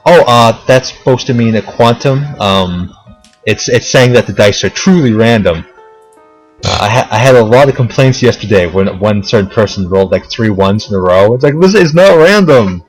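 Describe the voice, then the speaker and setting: Young male game master, slightly low voice, halting, filler-heavy narration. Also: faint music behind, poor audio. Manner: hesitant, many fillers. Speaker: dungeon master.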